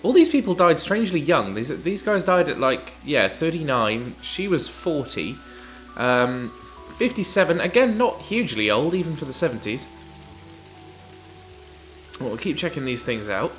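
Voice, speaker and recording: A let's play host, his nose stuffy from hay fever, reads a video game's text aloud and offers casual, wry, chatty commentary as he plays. His voice is a little high and a bit bright, very animated at normal speed, with game music faintly in the background.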